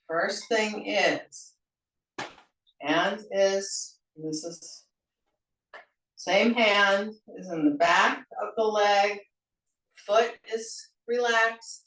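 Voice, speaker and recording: A woman guides a senior yoga class at an unhurried, very slow pace, calm and gentle in her cues. Her voice sounds roomy and echoey. She is some distance from the mic. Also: mid-range voice. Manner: slow, gentle cueing with playful laughter exercises. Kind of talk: guided exercise class instruction.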